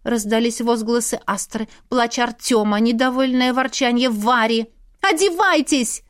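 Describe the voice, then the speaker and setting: A woman narrating a first-person audiobook with a fairly high voice. She reads in a brisk, tense manner. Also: level tone, clean tone.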